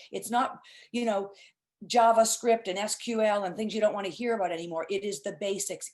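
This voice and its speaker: A woman's voice: mid-range voice, darkish tone. A middle-aged woman hosting an informal webinar, explaining things in an emphatic, chatty and effusive way. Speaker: host, presenter.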